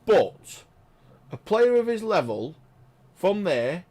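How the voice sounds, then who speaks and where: An excitable man, doing chatty live commentary on a pool match and exclaiming loudly at big shots. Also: high-pitched, slow. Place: pool lounge.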